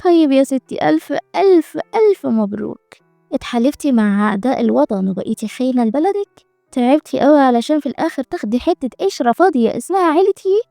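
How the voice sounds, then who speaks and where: Defiant young heroine, woman voicing, egyptian accent, dry mellow voice. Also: high-pitched, expressive, quick pace, dry recording, faint music behind. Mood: mocking. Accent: Egyptian Arabic. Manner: mocking, defiant.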